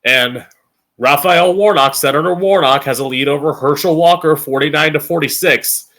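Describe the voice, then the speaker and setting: Here a drag queen host from Florida, an American man, speaks at normal speed in a slightly high voice that sounds pushed and bright. He delivers an opinionated political monologue to camera, campy and sassy, blunt and laced with swearing.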